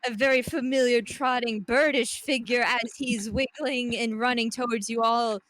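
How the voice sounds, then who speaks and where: A woman with a high voice narrates a tabletop game as its game master. She paints the scene in a lively, playful way and breaks into laughter now and then. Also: normal speed, slight background noise, poor audio.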